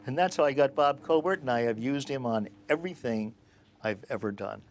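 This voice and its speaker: Older man telling lively production stories. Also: mid-range voice, fairly quick, faint music behind. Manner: animated, acts out dialogue in his anecdotes. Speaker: film producer and director. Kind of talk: interview storytelling.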